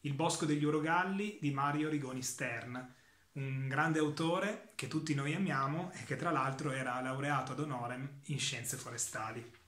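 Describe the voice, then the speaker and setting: A man reading a short literary story aloud in a calm, measured way, with slow pauses. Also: mid-range voice, roomy sound. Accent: Italian.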